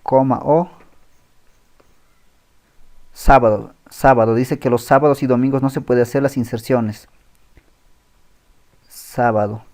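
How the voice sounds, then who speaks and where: A man teaching a screen-recorded coding tutorial, thinking aloud as he types, pausing and correcting himself. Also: mid-range voice, fairly even intonation, a little mellow. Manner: thinks aloud while typing, with pauses and self-corrections. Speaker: programming tutor.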